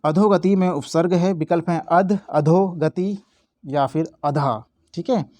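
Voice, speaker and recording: A man's voice: fairly high pitch, a little slow, warm tone, no room sound. A young man teaching as an exam-prep tutor, walking through quiz answers and checking in often. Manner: repetitive, checks in often with "theek hai".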